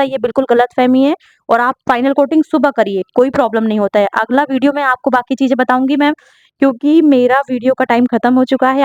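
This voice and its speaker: A woman's voice: high voice, darkish tone, no echo, highs cut off. A young woman home baker, chatting earnestly as she answers viewers' questions in a casual vlog, often checking in with her listeners. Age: young adult.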